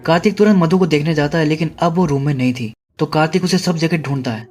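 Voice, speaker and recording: A man with a fairly high voice tells a horror film's story in a steady recap narration. He retells the plot and paraphrases the characters as he goes. Quiet music runs faintly beneath his voice. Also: fast talker. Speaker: movie explainer.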